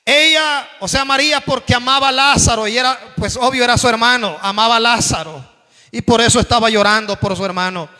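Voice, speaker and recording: A man preaching a fervent sermon, often calling his listeners brother and raising his voice near to a shout at times. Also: extremely high pitch, fairly quick. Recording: long reverb of a hall.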